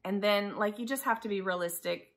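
Speaking a little fast at a medium pitch, a woman in her forties from Taiwan rambles conversationally about homeschooling in a vlog. She's indoors, beside a living room window.

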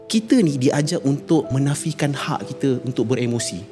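A man's voice: mid-range voice, normal speed, big-room sound, music in the background. A man with a Malaysian accent, a religious preacher guest in a casual podcast discussion, explaining earnestly and posing rhetorical questions.

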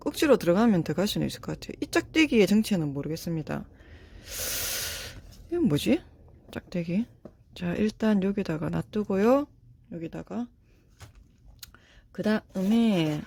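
A woman chatting as she unboxes toy figures. Her pitch leaps up and down as she exclaims and talks to herself. Wrapping crinkles behind her. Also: very animated, moderate pace, warm tone. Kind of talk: casual unboxing chat.

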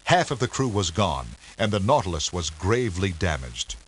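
A man giving measured, scripted storybook narration for an educational game. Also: sits low, very animated, a little hiss or hum.

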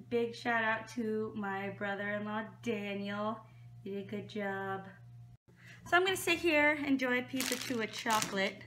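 Bright-voiced young woman vlogging at home. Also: medium pitch, slight background noise. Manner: chatty and upbeat, talks straight to viewers. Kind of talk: casual vlog chat. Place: at home indoors.

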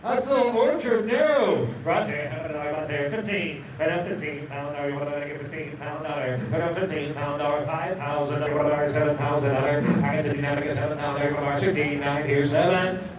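Man, auctioneer, bright high register, quick repeating bid chant, far off in a loud crowd. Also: lo-fi sound. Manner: rapid repeating bid calls. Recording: distant echoey crowded auction.

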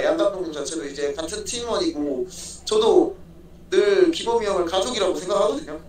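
A young adult MMA fighter answers casual questions in a remote video-call interview, sounding polite and halting and often repeating his own phrases. His voice is high. The phone, held at arm's length, gives echoey, distant audio with faint noise from the room.

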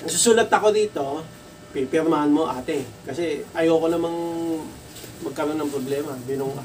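High-voiced Filipino man telling shop stories. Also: normal speed. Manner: animated, acts out dialogue in raised voice. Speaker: computer shop owner. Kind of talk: casual storytelling vlog. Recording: distant mic with faint background noise.

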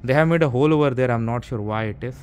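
A man's voice: mid-range voice, racing, darkish tone, slight background noise. A man casually narrating a walkthrough of his basement renovation, rambling with many fillers and restarts, filmed on a handheld camera. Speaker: homeowner vlogger. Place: unfinished basement, later outdoors in a stairwell. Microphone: handheld or body camera, first-person view.

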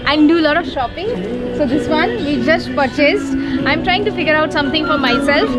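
A woman's voice: sits high, brisk. A woman in her twenties with an Indian accent, presenting a casual travel vlog outdoors. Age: 20s. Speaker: travel vlogger, host. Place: outdoors by river, bridge and street. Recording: music laid under outdoor speech. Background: music.

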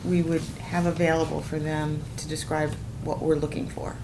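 A woman on city staff talks through scheduling in practical terms at a committee table. Her voice sits fairly low, and a clear background hum runs through the room. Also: level tone, normal speed. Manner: practical, plans logistics aloud. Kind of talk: committee meeting discussion. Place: conference room around a large table.

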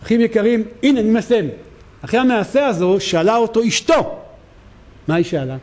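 A rabbi giving a sermon in a synagogue, telling a story emphatically with lots of repetition. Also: male voice, high-pitched, darkish tone.

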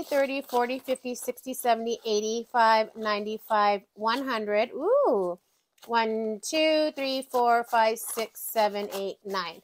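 Budget vlogger, woman, light raised pitch, chatty and informal, counts bills aloud, talks to her binders. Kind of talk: casual chat while counting cash.

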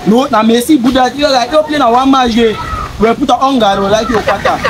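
A man's voice: brisk, crowd noise. A young man with a West African accent playing a pushy street hustler in a Pidgin comedy skit. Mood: insistent. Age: young adult. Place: outdoors in a dirt yard. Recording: noisy outdoor phone video, vehicle rumble.

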